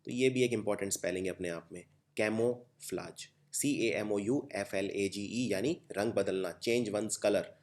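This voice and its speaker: A man's voice: fairly low pitch, measured pace, few pauses, darkish tone. A young man with an Indian accent teaching exam vocabulary, explaining step by step and spelling words out letter by letter. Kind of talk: exam-prep vocabulary lesson.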